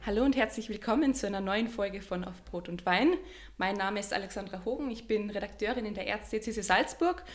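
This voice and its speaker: A woman hosting a podcast, asking friendly, clearly phrased questions. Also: mid-range voice, brisk, soft background music. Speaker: podcast host, editor. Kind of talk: interview podcast.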